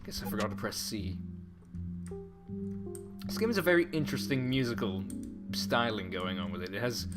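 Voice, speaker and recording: A man's voice: on the low side, expressive, moderate pace, pauses often. A man giving casual first-look game commentary in a wry manner, with quaint, old-fashioned turns of phrase. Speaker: gameplay commentator. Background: game music.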